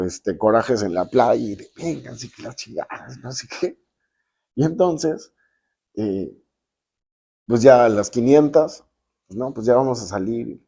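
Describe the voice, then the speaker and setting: Man, Mexican accent, fifties, warm mellow voice, casual storytelling, acts out quotes, slangy. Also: medium pitch. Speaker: host telling his life story.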